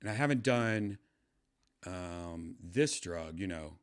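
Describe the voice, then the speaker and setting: A livestream host in his fifties chats casually with his viewers, meandering, trailing off, and filling his talk with fillers and restarts. His low-pitched voice is animated but slow, with a little hiss or hum in the recording.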